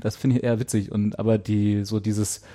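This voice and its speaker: Mellow-voiced man chatting with fillers. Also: lowish voice, little pitch movement, a little fast. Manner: rambling, thoughtful, many fillers. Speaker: show host. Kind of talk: casual chat.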